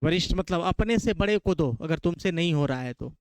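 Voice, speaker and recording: A man's voice: a little high, lively intonation, a little fast, clear, resonant tone, dry recording. A man from Bihar with a Bihari Hindi accent, teaching a classroom lecture, quizzing his students and repeating key terms.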